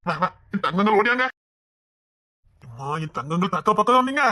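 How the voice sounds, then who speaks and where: A woman's voice: mid-range voice, sing-song, fairly quick, background noise, lightly acted. A woman voicing a doting, fussy old grandfather with a Tirunelveli Tamil accent, calling fondly to the grandchildren in a village comedy skit. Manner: calls out fondly, coaxing.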